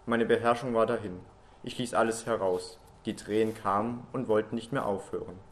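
A man reading a first-person story aloud in a quiet, slow, melancholy way. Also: lowish voice, fairly even intonation. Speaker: story reader.

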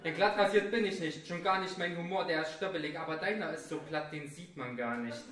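A man giving a comic spoken-word performance, a mock-macho rant that builds to shouts. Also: fairly high pitch, fairly quick, echoey room, distant mic, background noise. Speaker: stage performer.

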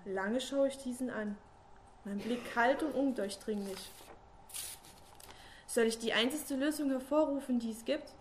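A woman with a fairly high voice reads a dark first-person story aloud. Her delivery is slow and solemn, with long pauses between phrases. A faint hiss runs under the recording. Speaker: narrator.

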